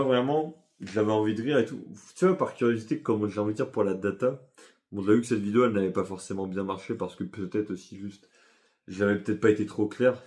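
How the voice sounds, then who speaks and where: A young man chats through a personal story in a loose, rambling way. He talks in slang and keeps restarting his sentences. His voice sits a little low. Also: darkish tone. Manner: rambling, slangy, with frequent fillers and self-corrections. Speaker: vlogger. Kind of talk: casual storytelling vlog.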